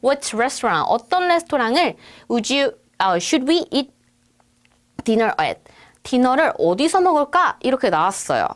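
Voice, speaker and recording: A woman's voice: sits high, sing-song, takes it slowly. A woman teaching a recorded test-prep lecture, explaining step by step and acting out sample answers. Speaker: English test instructor.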